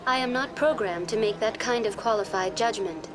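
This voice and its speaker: A woman voicing a courteous virtual intelligence guide in a science fiction game, formal, measured and impersonal. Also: a little high, lightly acted. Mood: polite, composed. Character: courteous female virtual intelligence tour guide on a space station. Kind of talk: scripted informational game dialogue.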